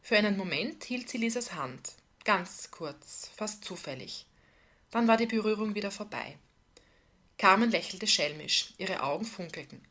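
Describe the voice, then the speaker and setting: A woman reading a novel aloud in a calm, even storytelling delivery. Her voice sits at an ordinary middle pitch, measured and steady. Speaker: reader.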